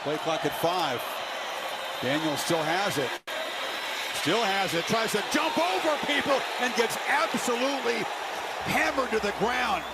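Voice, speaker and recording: A man calls football in a very high, excited voice. His play-by-play rides over a roaring stadium crowd and heavy noise. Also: a little slow, long pauses.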